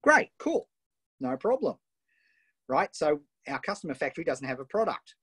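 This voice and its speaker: An Australian man hosting a live online coaching session, enthusiastic and firing off quick questions over a video call. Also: fairly high pitch, big pitch swings, fairly bright tone, breathy edge, no room sound. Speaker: host and coach.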